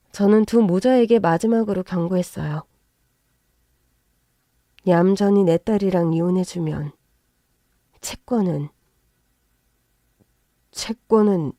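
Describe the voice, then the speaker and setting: Woman narrator, slow measured first-person story, dry close sound. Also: mid-range voice, warm tone, no room sound.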